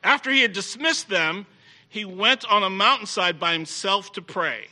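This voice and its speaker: A man's voice: high voice, moderate pace, sharp tone. A middle-aged man preaching a sermon to a live congregation, emphatic and repeating key phrases for effect.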